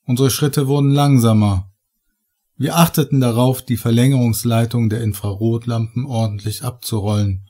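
A man reading a horror story aloud in measured, dramatic, scripted narration. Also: medium pitch, warm tone. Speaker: audiobook narrator.

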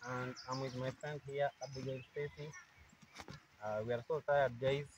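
A man's voice: medium pitch, level tone, moderate pace, dull audio. A young man presenting a casual vlog outdoors on a rural farm, talking eagerly to his viewers into a phone held at arm's length. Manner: upbeat presenter, eager audience prompts. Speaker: vlogger. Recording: outdoor farm noise behind.

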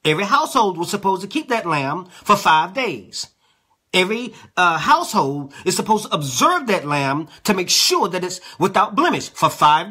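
A male preacher teaching a sermon with a lively, swinging pitch. His voice is bright and a little husky. He reads scripture and keeps checking in with his listeners. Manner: conversational, checks in with the listeners often. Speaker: apostle, preacher.

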